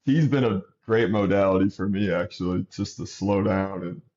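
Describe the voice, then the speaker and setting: A man's voice: low-pitched, moderate pace, lo-fi sound. A man in his thirties, a basketball coach, chatting casually as a guest, sniffling, rambling with restarts. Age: 30s. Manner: relaxed, rambling, with many restarts. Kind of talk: casual interview chat.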